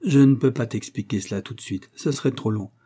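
A man's voice: medium pitch, fairly quick, dark tone, husky, lightly acted. A man reading the part of a cheerful young male servant, eager and exclamatory.

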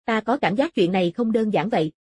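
A woman's voice: mid-range voice, animated, brisk, darkish tone, breathy edge, dry recording, clean studio sound. A woman voicing a chatty, easily astonished young male companion in an audiobook, exclaiming as he talks. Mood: amazed.

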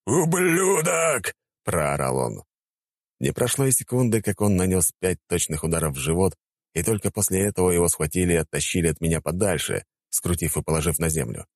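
A man narrating an audiobook in the first person, wry and expressive. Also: low voice, fairly quick, dry recording, studio quality.

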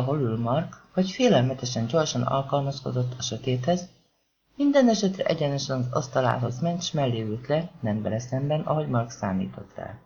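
A man reading a crime novel aloud as an audiobook narrator, in a lively, expressive way. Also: mid-range voice. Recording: dull lo-fi audiobook recording.

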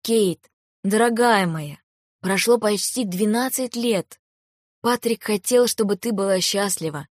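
A woman reading the part of a gentle older mother-in-law who speaks slowly and tenderly. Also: mid-range voice, dry recording, studio quality, natural voice. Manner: tender, slow and soothing.

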